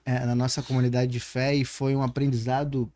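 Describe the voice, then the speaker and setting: This podcast host is a Brazilian Portuguese-accented man whose medium-pitched voice is warm but flat in delivery, and brisk. In a conversational interview he reflects aloud, constructing lengthy questions through examples.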